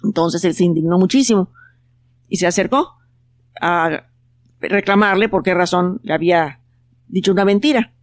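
A storyteller, reading a children's tale in a calm, unhurried way. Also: mid-range voice. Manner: calm, unhurried telling with plain quoted voices. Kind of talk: storybook narration.

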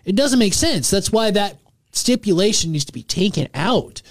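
A man's voice: high-pitched, very animated, moderate pace, no echo. A man gives opinionated, casual commentary as a wrestling show panelist. He argues his points with rhetorical questions, and the sound is dry, with very little room on it. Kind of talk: opinionated casual sports chat.

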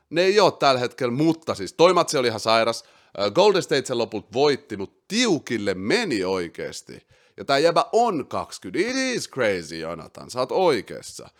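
Male podcast host, low voice, very animated, slips into English slang. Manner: excitable, swings loud and quiet; mixes English slang into speech. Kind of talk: casual basketball chat.

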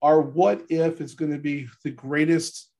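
Stuffy gravelly guy hosting sports podcast, kinda higher voice, congested, casual chat. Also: steady tone, measured pace, darkish tone. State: congested from allergies. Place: podcast studio.

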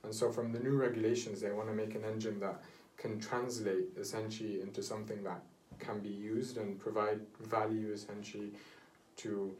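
Young male co-host, low-ish voice, rambling casual chat, distant mic with faint hiss. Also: little pitch movement, moderate pace, darkish tone. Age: young adult. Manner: rambling, many fillers, laughs easily. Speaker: podcast co-host. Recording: roomy echo, far from mic, faint noise.

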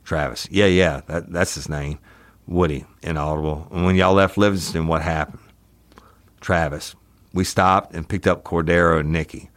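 Very deep man reading a police interview transcript. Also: fairly even intonation, normal speed, fairly bright tone, no room sound. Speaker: host, former police detective.

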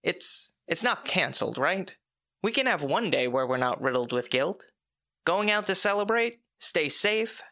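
A man's voice: a little high, sharp tone, clear, resonant tone, dry recording. A man hosting his own film review podcast, reading a script with chatty, joking asides.

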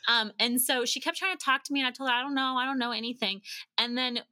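A language-learning company founder, guesting on a podcast, explains and tells stories in animated, chatty conversation, acting out bits of quoted dialogue. Her voice is a little high, quick and sharp, in clean studio sound with no echo.

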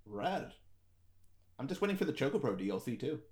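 A man co-hosting a relaxed wrestling podcast, cracking jokes as he watches along. He rambles a little with fillers, in an ordinary mid-range voice. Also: mid-range voice, fairly quick. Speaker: podcast co-host. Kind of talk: casual chat over a watch-along.

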